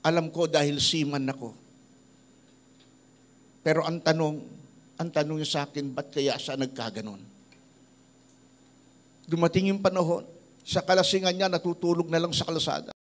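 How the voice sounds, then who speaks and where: A middle-aged man from the Philippines preaches to his church, telling stories about people he has met. His voice sits a little high, and he lifts it or drops it low as he speaks the lines of the people in the stories. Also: moderate pace, long pauses. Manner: tells stories in a lively voice, quoting people he met. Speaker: pastor. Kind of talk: sermon with storytelling.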